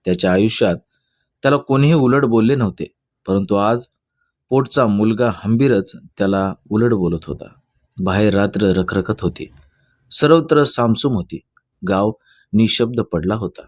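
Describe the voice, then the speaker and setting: A man narrating a novel aloud in a steady storytelling manner, with quarrels read lightly in dialogue. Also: lowish voice, no room sound, clean studio sound. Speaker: audiobook narrator. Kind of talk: reading a Marathi novel aloud.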